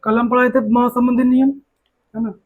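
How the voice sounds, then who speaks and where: A woman's voice: fairly high pitch, level tone, moderate pace, narrow, tinny audio. A woman teaches a classroom grammar lesson. She says each example over and over and keeps asking her students whether they follow. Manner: repeats each word, keeps quizzing students.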